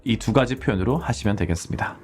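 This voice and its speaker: A man's voice: on the low side, quick pace, faint music behind. A Korean-born man in his forties teaching English conversation casually, acting out heated street exchanges. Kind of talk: casual English lesson with role-play examples.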